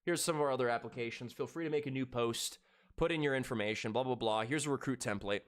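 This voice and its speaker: Speaking fast in a mid-range voice, a man in his thirties keeps up laid-back, profane chatter with his viewers while gaming on a live stream.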